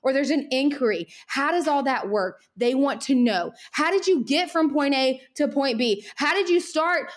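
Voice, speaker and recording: Young woman, solo podcast host, slightly high voice, rapid animated pep-talk delivery, a bit winded. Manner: energetic, animated, talks very fast. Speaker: podcast host, social media marketer.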